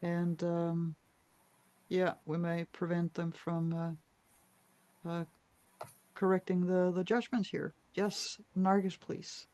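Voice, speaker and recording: Brief: Danish woman facilitator on a video call, unhurried and reflective, dry close sound. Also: lowish voice, no room sound. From Denmark. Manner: relaxed, reflective storytelling with frequent fillers. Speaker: meeting facilitator. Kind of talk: online group discussion.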